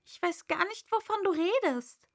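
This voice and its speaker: A woman's voice: extremely high pitch, expressive, moderate pace, voice pushed up. A woman voicing a truthful, flustered little girl who protests earnestly and falters, as a character in a read-aloud story. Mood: indignant, unsure. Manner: protesting, hesitant. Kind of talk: audiobook character voice.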